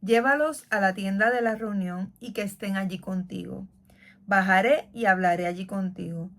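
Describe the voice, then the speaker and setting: A woman's voice: medium pitch, moderate pace, natural voice. A woman reading as the stern voice of God. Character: the Lord, stern divine male voice.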